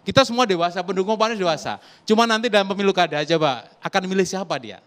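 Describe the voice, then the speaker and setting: Fast-talking, emphatic male commentator. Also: high voice. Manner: emphatic, lively argumentative. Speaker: political commentator guest. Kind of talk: talk show political debate.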